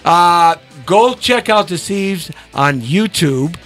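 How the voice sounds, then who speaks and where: A man's voice: high voice, lively intonation, slow pace, a bit bright, faint music behind. A man hosting a radio talk show who jokes, teases his guest, and laughs often. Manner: joking and teasing, laughs often.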